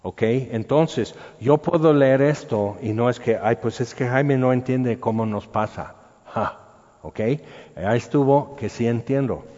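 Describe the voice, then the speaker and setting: Mexican pastor, mid-pitched, conversational sermon, acts out quotes; dull sound, long hall reverb. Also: male voice, measured pace, dark tone. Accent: Mexican Spanish.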